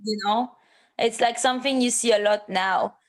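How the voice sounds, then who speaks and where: A woman in her thirties, talking casually as an interview guest. She speaks haltingly and restarts her sentences often. Now and then she turns blunt and swears. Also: on the high side, fairly even intonation. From France. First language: French. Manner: hesitant, many fillers and restarts, blunt and swearing at times. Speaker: MMA fighter, interview guest.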